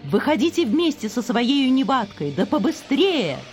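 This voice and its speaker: Mighty bird king calling out urgent, loud and lively, a lady putting him on. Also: high voice, measured pace, faint music behind, voice pushed up. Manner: urgent pleading calls.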